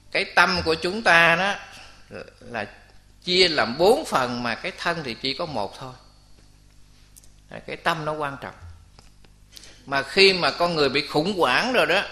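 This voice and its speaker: A man giving a Buddhist sermon, telling stories and voicing the people in them, his pitch rising on key points. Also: pushed and bright. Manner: storytelling, acts out voices of people in the stories. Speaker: Buddhist monk. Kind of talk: Buddhist dharma talk with stories.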